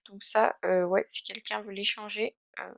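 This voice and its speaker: A woman's voice: mid-range voice, level tone, normal speed, creaky, dry recording. A young woman chatting casually through a beauty box unboxing, full of hesitations and fillers. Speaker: beauty vlogger.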